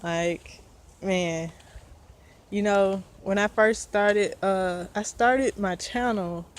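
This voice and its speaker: A woman's voice: mid-range voice, a little mellow, slight background noise. A woman with a Southern US accent, vlogging outdoors in casual, earnest talk, a bit out of breath and encouraging. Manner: earnest, encouraging, rambling with fillers.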